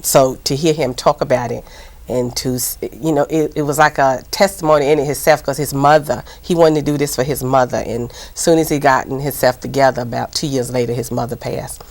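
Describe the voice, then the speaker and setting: A woman's voice: a bass voice, gravelly. A woman with a Southern US accent, a TV host and producer, chatting as a guest in an interview, rambling along with plenty of fillers. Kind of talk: casual interview chat.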